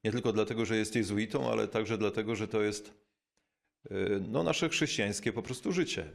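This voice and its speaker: A man, a bishop, giving a reflective spiritual talk, thoughtful and unhurried, with frequent pauses and fillers, slowing down to stress key words. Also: lowish voice, vocal fry. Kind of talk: reflective spoken teaching.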